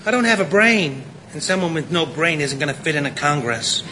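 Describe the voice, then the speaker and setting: A plaintive tin man full of self-doubt in a comedy radio play. His voice is high, and clear background noise runs under the recording. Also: lively intonation, fairly quick, pushed and bright. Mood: glum. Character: gentle, self-deprecating male tin man.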